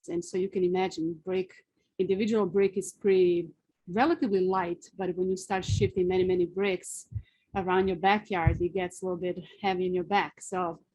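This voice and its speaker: Her lowish, dark voice comes through a rough recording as this Serbian-accented sculptor in her forties, from Serbia, delivers an unhurried, careful webinar presentation outdoors. Fillers crop up frequently.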